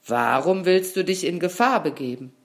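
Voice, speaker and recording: A woman's voice: on the low side, animated, normal speed. A woman voicing a caterpillar's feelers as a careful, warning inner voice in a children's story. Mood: cautioning.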